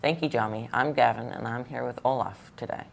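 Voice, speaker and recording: Teen boy student reporter, gravelly voice, brief matter-of-fact questions. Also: mid-range voice, fairly quick, slight background noise. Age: teens. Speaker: student interviewer. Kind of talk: school news interview.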